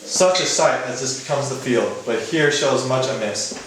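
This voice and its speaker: An actor playing a grave, commanding warrior prince in classical Shakespeare style. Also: male voice, mid-range voice, moderate pace, a bit bright, a little hiss or hum, close to an everyday voice. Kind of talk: classical Shakespeare stage acting. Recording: very echoey room.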